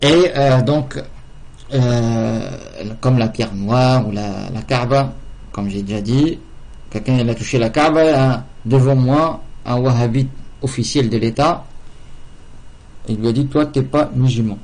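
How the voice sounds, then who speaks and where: A man's voice: mid-range voice, unhurried, a little mellow. A man teaching a language and religion class, patiently repeating words to drill their pronunciation. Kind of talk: slow classroom lesson with repetition.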